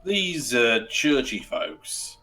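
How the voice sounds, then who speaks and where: A man playing a tabletop game, talking in casual, slangy, halting and skeptical banter. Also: medium pitch, huge pitch swings, bright, forceful tone, soft background music.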